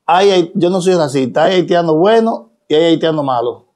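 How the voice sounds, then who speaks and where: A man's voice: on the high side, normal speed, darkish tone. Emphatic Dominican man preaching to camera. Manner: emphatic, preachy, rhetorical questions. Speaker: social media personality. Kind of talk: direct-to-camera monologue.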